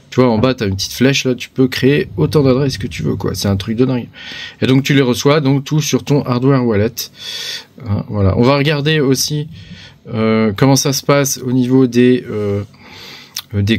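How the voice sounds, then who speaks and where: A man's voice: medium pitch, no echo. A man giving a casual hands-on review of a gadget, talking loosely with many fillers and repeated tag words. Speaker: crypto hardware reviewer.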